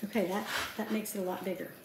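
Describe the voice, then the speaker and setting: A woman's voice: mid-range voice, little pitch movement, quick pace, background noise. A woman in her fifties chats her way through a recipe in her home kitchen, joking at her own expense. Her voice carries through a roomy, echoing space from a camera set across the counter. Utensils and dishes clink faintly behind her. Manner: chatty, self-deprecating, talks to herself while working. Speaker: home cooking vlogger. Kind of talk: casual cooking chat to camera. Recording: echoey kitchen with clattering dishes.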